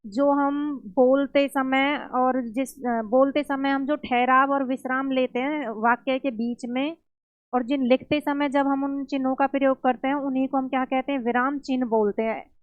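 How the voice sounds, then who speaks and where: Woman teacher going over grammar for exams, high voice, kinda dull dry recording. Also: fairly even intonation, no echo. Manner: slow, explains step by step, asks and answers her own questions. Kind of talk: exam-prep grammar lesson.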